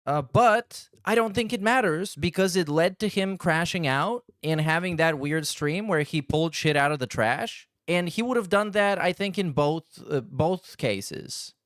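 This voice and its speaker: A man hosts with casual, sardonic commentary full of crude slang. His voice is slightly high and very clear. It is recorded dry, with almost no room around it. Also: animated, unhurried, few pauses, a bit bright, no echo. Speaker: podcast host and commentator.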